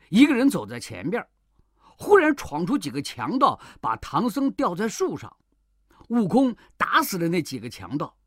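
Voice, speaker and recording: A woman telling a classic tale to children, lively and expressive, with playful interjections. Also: lowish voice, breathy edge, dry recording, studio quality. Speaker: children's storyteller. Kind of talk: storytelling for children.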